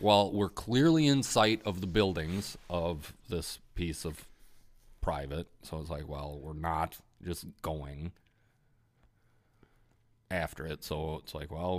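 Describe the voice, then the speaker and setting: A man telling a long story in a loose, rambling way, swearing freely and padding his talk with fillers. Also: low-pitched. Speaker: podcast guest telling a hunting story. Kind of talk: casual storytelling.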